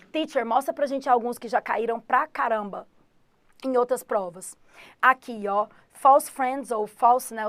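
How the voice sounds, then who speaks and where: Speaking in a fairly high voice with a Goiás Brazilian Portuguese accent, a woman teaches an English lesson online. She addresses her students directly and repeats the key words again and again. The sound is dry and close.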